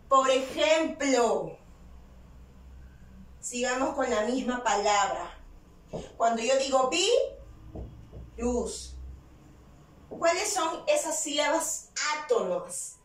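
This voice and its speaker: A high-pitched woman teacher speaking at an unhurried, careful pace. She often poses questions to the class and answers them herself, leaning on the key words. Her voice sits back from the mic in a roomy, echoing space. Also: distant mic. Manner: slow, deliberate explaining with stressed key words. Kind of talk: virtual class lesson.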